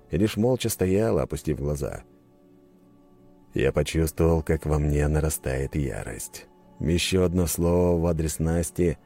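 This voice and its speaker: A man narrating a first-person story in an expressive storytelling manner. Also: rumbling low. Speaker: audiobook narrator.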